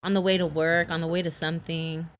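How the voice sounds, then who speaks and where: An American woman in her thirties talking loudly and animatedly as a guest in a casual podcast chat. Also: low voice, fast. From United States, Brooklyn and California. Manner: loud, animated talker.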